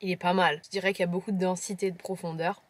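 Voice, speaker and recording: In this casual tasting vlog, a woman with a Lorraine French accent samples chocolates and describes them to camera, chatty and playful, teasing her audience. Her voice is lowish and level in tone, she races along, and there's no echo.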